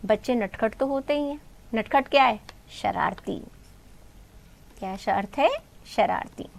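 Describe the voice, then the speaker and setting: A woman teacher who retells a textbook story for students, asking questions and answering them herself. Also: sits high. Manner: calls students "beta" and "bhai". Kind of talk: explaining a textbook story in Hindi.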